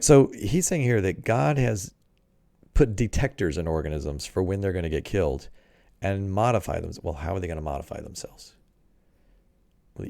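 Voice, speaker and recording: A man's voice: deep voice, gravelly, no room sound. A man giving casual commentary as he reads and critiques an article, thinking aloud with fillers and frequent "right?" checks. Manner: drops into a quieter voice at points.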